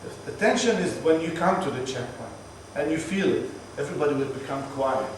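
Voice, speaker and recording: A man's voice: fairly high pitch, expressive, brisk. Man guiding a bus tour. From Palestinian, from Jerusalem. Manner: chatty, explaining patiently with jokes. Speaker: tour guide. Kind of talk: guided tour talk to a group. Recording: echoey distant voice, bus noise.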